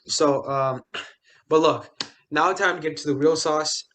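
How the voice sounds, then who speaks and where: A man's voice: fairly high pitch, slow, a bit bright. A young man co-hosting a casual sports podcast, talking loosely with lots of fillers, restarts and jokey asides. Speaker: podcast co-host.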